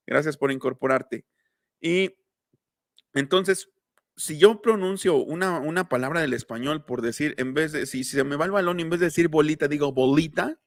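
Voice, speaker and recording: A man's voice: medium pitch, fairly bright tone, no room sound, clean studio sound. A man giving a casual live-streamed phonetics lesson, chatting and greeting viewers as he explains. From Mexico. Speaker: linguistics teacher.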